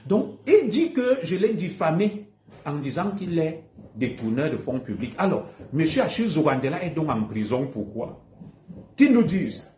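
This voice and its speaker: A man's voice: a little high, sing-song, moderate pace, a little mellow, slight background noise. Cameroonian guy ranting on a livestream, keeps repeating himself, voice jumps all over, echoey room. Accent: Cameroonian French. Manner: combative, repeats accusations emphatically. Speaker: live streamer. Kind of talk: heated livestream monologue.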